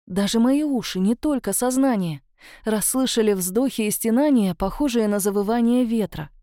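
Woman reading a story, steady and calm, warm low-key tone, dry close mic. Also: no room sound. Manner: even, measured first-person storytelling. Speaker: audiobook narrator. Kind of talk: scripted narration.

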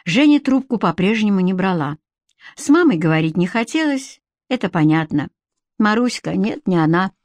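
A woman reading a novel aloud as an audiobook narrator, with an expressive, lively delivery. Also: medium pitch, moderate pace, dry recording.

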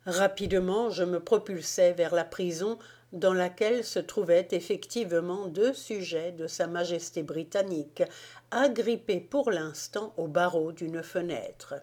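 Woman audiobook reader, measured and unhurried, lowish voice. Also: a little mellow. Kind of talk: audiobook narration of a wartime memoir.

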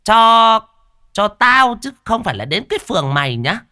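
A man voicing a crude, greedy middle-aged woman who speaks in a shrill, brash falsetto in a ghost story. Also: big pitch swings, a little slow, pushed and bright, no echo, clean studio sound, full character voice. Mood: gloating.

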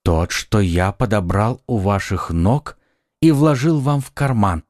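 A man's voice: fairly low pitch, animated, measured pace, a little mellow, no echo, clean studio sound. Brief: narrator as a passionate young nobleman; insistent, earnest; audiobook. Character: ardent young male nobleman and swordsman. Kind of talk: audiobook acting.

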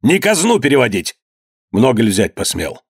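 A man's voice: medium pitch, wildly swooping pitch, moderate pace, slightly rough, no room sound, heavily acted. A wrathful, domineering old merchant father, voiced by a man reading a historical novel aloud. He bellows and scolds in archaic, old-fashioned speech. The sound is dry and close. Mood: furious.

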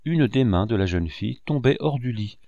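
A man narrating a nineteenth-century novel in a measured, expressive audiobook reading. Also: mid-range voice, no room sound, dull audio. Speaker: audiobook reader.

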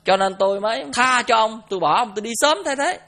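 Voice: medium pitch, fast talker, sharp tone. Teacher doing a wronged son getting payback on his dad, southern vietnamese accent, grudging tone. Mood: aggrieved. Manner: aggrieved, grudging. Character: wronged son taking revenge, then sparing his father.

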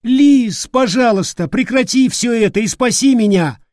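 Guy doing a twitchy young dude, husky, voice jumps around. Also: on the high side, very animated, normal speed, mellow, no room sound, clean studio sound. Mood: panicked. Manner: nervous, defensive. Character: jumpy, pragmatic young man. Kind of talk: audiobook character voice.

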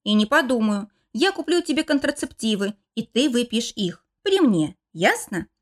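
A woman voicing a bossy, domineering young man in an audiobook, giving curt orders in her own lively, fairly high voice. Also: moderate pace. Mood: commanding. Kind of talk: audiobook character voice.

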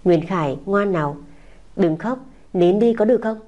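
A woman voicing a young mother who soothes a crying child in a soft, coaxing, tender way. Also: medium pitch, normal speed, muffled recording, natural voice. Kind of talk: audiobook character voice.

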